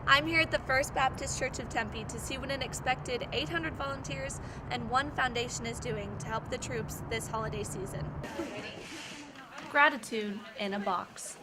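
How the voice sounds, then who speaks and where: A young woman reporter reading scripted news narration in a measured, even cadence. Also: a little high, very noisy. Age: young adult. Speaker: student reporter.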